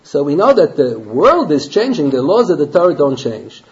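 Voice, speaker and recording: A man's voice: a little high, very animated, moderate pace, a little mellow, a little hiss or hum. A man teaching a Torah class in a conversational way, asking rhetorical questions and mixing Hebrew and Yiddish terms into his English. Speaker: rabbi teaching a Talmud class. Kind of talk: Torah lecture. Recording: dull lo-fi lecture recording.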